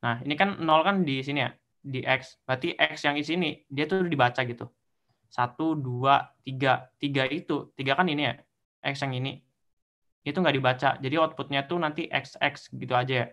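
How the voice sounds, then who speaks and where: A man's voice: medium pitch, normal speed, a bit bright. A young man teaching assistant explaining code step by step in an online tutorial. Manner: explains step by step, counting through indexes.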